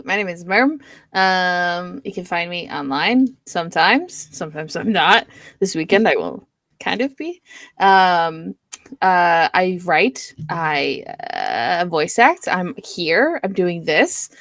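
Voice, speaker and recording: A woman's voice: lowish voice, fairly bright tone, dry recording. A woman with a Northeast Wisconsin accent, a voice actor introducing herself as a player, dry and hesitant. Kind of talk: casual introduction on a stream.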